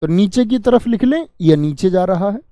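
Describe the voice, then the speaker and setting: A man's voice: high voice, animated, moderate pace, warm tone, no echo. A man teaching an online grammar class. He keeps asking his students questions and then answers them himself. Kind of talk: online exam-prep grammar lesson.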